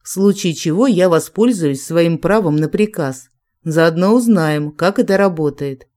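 A reader voicing a cautious young male inquisitor with a wry manner, in a calm, steady audiobook reading. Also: fairly high pitch, a little slow, close to an everyday voice.

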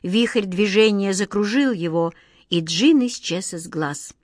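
A woman narrates a fairy tale in an expressive, measured reading voice. Her delivery sits at an ordinary pitch. The recording is dry and close. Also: no room sound. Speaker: audiobook reader. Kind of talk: storybook narration.

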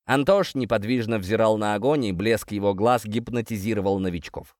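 A man narrating a first-person fantasy audiobook in an expressive storytelling manner. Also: on the low side, normal speed, dry recording, clean studio sound.

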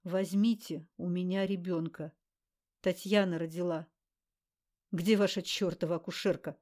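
A woman voicing an exhausted young woman judge who speaks weakly and hoarsely. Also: on the low side, steady tone, measured pace, a little mellow, close to an everyday voice. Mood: weary. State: weak, hoarse.

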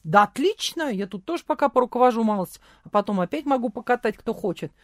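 A woman reading an audiobook, voicing a loud, hearty, brash boss man with a folksy, teasing way of talking. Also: a little high, expressive, fast, no room sound, clean studio sound, voice pushed up, natural voice. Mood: jovial, loud.

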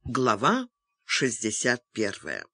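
A man narrating a thriller audiobook in an expressive, measured way. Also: medium pitch, slightly rough.

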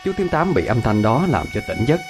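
A man's voice: fairly quick, over music. A man narrating a ghost story expressively. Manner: expressive, varied pitch.

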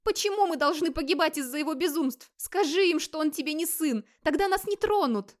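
A woman's voice: high-pitched, lively intonation, a little fast, voice pushed up. A woman voicing a desperate wife who begs her husband through sobs. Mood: desperate pleading. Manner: pleading, sobbing. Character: desperate wailing wife, middle-aged woman.

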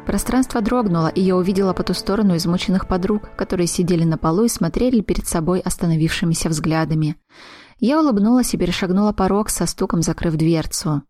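Low-voiced woman reading a fantasy audiobook. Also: quick pace, dark tone, soft background music. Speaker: audiobook narrator. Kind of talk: first-person fantasy audiobook narration.

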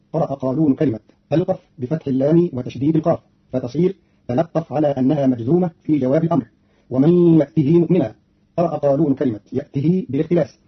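A man giving a formal scripted explanation of recitation variants, delivered briskly for an archival radio program. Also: fairly high pitch, husky. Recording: dull archival radio recording.

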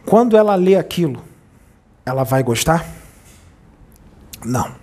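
A man delivering a channeled spiritual sermon as a medium. His voice sits a little high and has a husky edge. He admonishes his listeners and keeps putting rhetorical questions to them. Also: animated, unhurried, dark tone.

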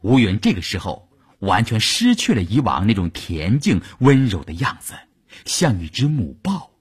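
A man narrating an audiobook novel in a dramatic, expressive reading style. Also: on the low side, breathy edge. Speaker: storyteller.

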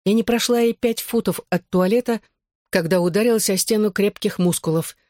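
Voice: mid-range voice, a little fast, darkish tone, no echo. First-person novel narration, emotional, tense, dry studio sound. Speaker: audiobook narrator.

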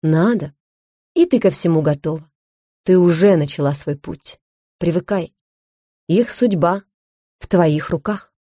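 An ancient lord of the winds, weary and curt, gives orders in a low, mellow voice, as a woman reads him. The sound is close and dry. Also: unhurried, pauses often, dry recording. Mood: commanding.

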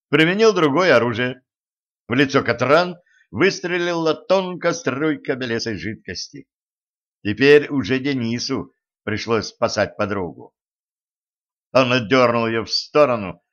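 A man's voice: mid-range voice, fairly bright tone. Male narrator with a muffled, lo-fi sound. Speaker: audiobook narrator. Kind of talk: scripted narration.

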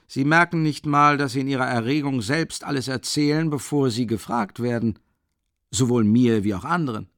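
A man reading an audiobook, voicing an older male investigating judge who speaks softly and insinuatingly with a mocking chuckle. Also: moderate pace, no room sound, clean studio sound, lightly acted. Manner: low, soft, chuckling, insinuating. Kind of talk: audiobook character voice.

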